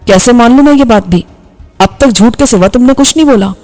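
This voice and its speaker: A woman's voice: fairly high pitch, darkish tone, faint music behind, natural voice. Woman voicing an angry young male engineer. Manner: harsh, scolding delivery. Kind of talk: audiobook dialogue reading.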